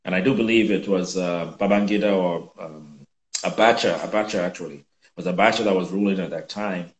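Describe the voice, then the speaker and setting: A man in his fifties from Nigeria talks in a low voice, measured and reflective, pausing on fillers. He is on a video call from a room at home, and the sound rings in an echoey space. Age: 50s. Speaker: guest. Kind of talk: conversational interview.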